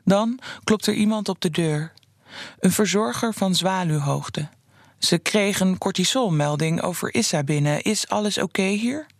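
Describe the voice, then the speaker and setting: A narrator reading a written story in a calm, measured way. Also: mid-range voice, dry recording, clean studio sound.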